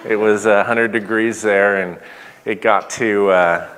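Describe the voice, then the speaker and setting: A man speaking as pastor, giving church announcements in a halting way, with many pauses and fillers. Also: on the low side, fairly even intonation, a bit bright. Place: church sanctuary. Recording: long church hall reverb.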